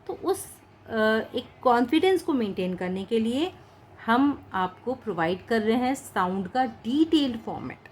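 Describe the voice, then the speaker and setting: Woman, patient shorthand teacher, Indian English words, fairly high voice, faint hiss behind. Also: lively intonation, darkish tone. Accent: Indian English words mixed into Hindi. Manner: patient, explains slowly, repeats words. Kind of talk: online lesson, dictating practice words.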